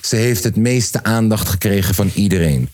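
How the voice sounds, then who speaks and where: Young man, lowish voice, casual storytelling, slangy, animated, acts out quotes. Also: moderate pace. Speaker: storyteller among friends.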